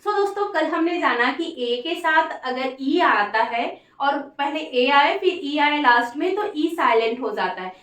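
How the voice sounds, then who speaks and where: Woman teacher, high voice, spells out words slowly, roomy sound a little off-mic. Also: animated, a bit bright, distant mic. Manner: spells words letter by letter, repeats "ठीक है". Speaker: English teacher. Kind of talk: Hindi-language English phonics lesson.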